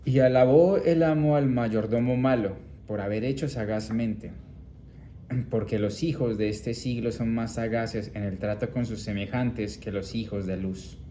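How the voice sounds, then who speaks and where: A man in a Bible study group reading verses aloud slowly, a little distant from the mic. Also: medium pitch, dark tone, a little hiss or hum. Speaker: group member reading scripture.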